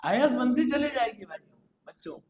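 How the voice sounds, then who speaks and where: A man's voice: extremely high pitch, sing-song, normal speed, roomy sound, poor audio. A man with an Urdu accent teaching Quranic Arabic grammar in an online class, drilling verb forms aloud and praising his students.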